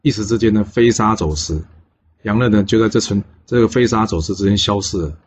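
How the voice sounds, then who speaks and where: Low-voiced man retelling a legend. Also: breathy edge, dull audio. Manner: chatty, with many pauses on fillers. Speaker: storyteller. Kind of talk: casual retelling of a classic legend.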